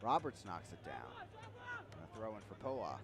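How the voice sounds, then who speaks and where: Calling a soccer match live, this announcer has a lowish voice that swoops wildly in pitch while he keeps a normal speed. Outdoor stadium noise sits behind his play-by-play.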